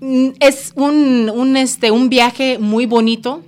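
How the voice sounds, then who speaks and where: A woman's voice: high voice, steady tone, slow. A woman talking in a casual interview, earnest and encouraging, slipping English words into her speech.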